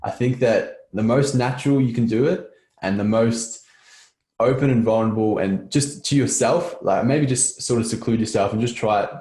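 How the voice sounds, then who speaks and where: Earnest podcast host in an echoey room. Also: male voice, medium pitch, normal speed, mellow. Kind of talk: casual podcast interview. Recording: roomy echo.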